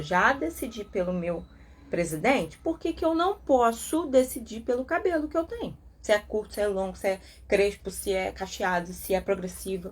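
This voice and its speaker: Her voice fairly high and husky, a Brazilian woman with a Brazilian Portuguese accent hosts a casual live discussion of a self-help book on codependency. She's lively and rhetorical, questioning herself aloud and performing the voices of other people.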